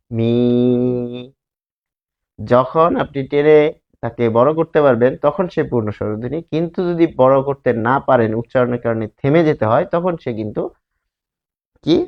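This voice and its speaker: A man teaching a grammar lesson, explaining slowly and repeating words while drawing out their sounds. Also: medium pitch, dull audio.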